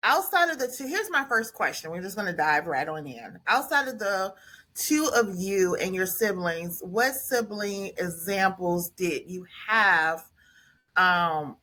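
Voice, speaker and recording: Rambling, low-voiced woman hosting a family chat. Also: husky. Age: middle-aged. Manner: warm, rambling with many fillers and restarts. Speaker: podcast host. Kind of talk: casual family conversation.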